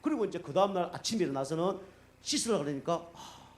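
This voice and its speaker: A middle-aged man preaching as a pastor in a church, telling stories in a casual, animated way and acting out the people he quotes. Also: a little high, quick pace, a little hiss or hum. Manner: animated, acts out quoted speech, many fillers. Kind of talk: conversational sermon storytelling. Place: church sanctuary.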